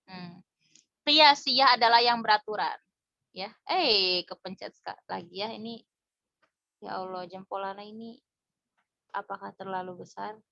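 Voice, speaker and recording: A woman teaching Arabic reading in a casual, patient way, explaining step by step with quick asides over a phone. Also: medium pitch, vocal fry, sharp tone, no room sound, lo-fi sound.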